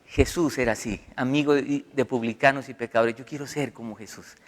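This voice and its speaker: A middle-aged pastor with a medium-pitched voice preaches at a slightly fast clip, telling stories conversationally and acting out quotes with animation. A long reverb from the hall trails his words.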